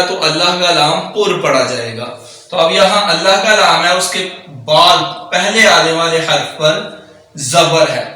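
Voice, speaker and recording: A man teaching Quran recitation, alternating quick explanations with slow, drawn-out recitation of verses. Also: high-pitched, sharp tone. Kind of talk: tajweed lesson, explaining and reciting slowly. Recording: very echoey room, distant mic.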